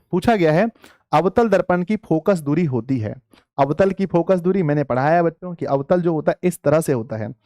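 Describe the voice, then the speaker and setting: A man's voice: a little high, warm tone, dry recording, studio quality. A man teaching a live online class, coaxing his pupils like dear children and repeating phrases for emphasis.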